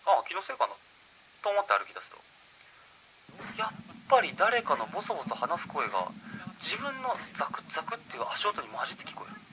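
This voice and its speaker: A man telling a true ghost story, swinging from hushed murmurs to loud bursts, with dramatic pauses and sound effects. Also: on the high side, wildly swooping pitch, a little hiss or hum, rough recording.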